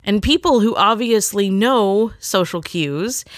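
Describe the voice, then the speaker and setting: A woman's voice: medium pitch, lively intonation, takes it slowly, no echo, studio quality. A middle-aged woman telling a rambling personal story in a chatty, casual way, acting out the people she quotes.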